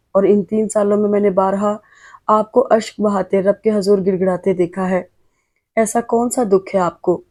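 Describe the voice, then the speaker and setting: A woman's voice: mid-range voice, dark tone, lightly acted. A woman reading the lines of a loving young wife in an earnest, emotional way.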